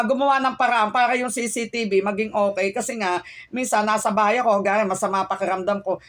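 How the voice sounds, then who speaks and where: A woman shopkeeper in casual chat, venting aggrieved complaints to a friend. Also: medium pitch.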